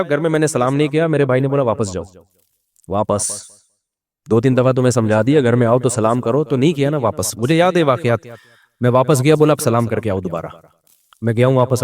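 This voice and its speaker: A middle-aged man with a Pakistani Urdu accent, giving informal religious advice on raising children, telling stories with joking asides and rhetorical questions. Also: medium pitch. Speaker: Islamic scholar giving advice.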